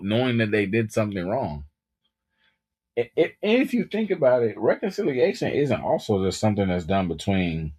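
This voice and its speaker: Man, thirties, podcast co-host, deep voice, loose chatty delivery with repeated words. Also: moderate pace, husky. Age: 30s. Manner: animated, repeats words while gathering thoughts. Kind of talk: casual podcast chat.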